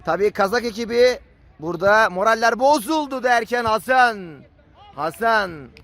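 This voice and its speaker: A man commentating live on an amateur football match, screaming drawn-out goal calls. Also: high voice, lively intonation, a bit bright.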